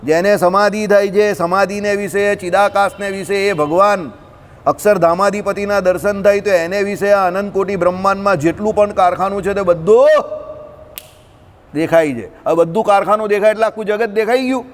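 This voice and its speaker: A high-pitched man teaches scripture to a gathering, speaking. He talks to his listeners directly and lively. His voice rings with the long reverb of a hall. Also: normal speed. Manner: lively, addresses listeners directly, mixes in English. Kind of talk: discourse on scripture with examples.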